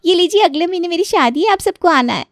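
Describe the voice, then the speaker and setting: A woman's voice: very high-pitched, lively intonation, fast talker, no echo, clean studio sound. A woman voicing a cheerful young woman sharing her wedding news in a cartoon story. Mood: excited.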